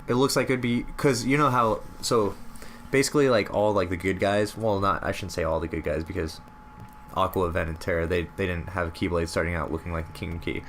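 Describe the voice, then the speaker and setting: A young man with a fairly low voice chats casually about games in a slangy, excitable way. Faint noise sits behind him. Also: a little fast. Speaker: video game trailer reviewer. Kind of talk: casual chat. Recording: steady background room noise.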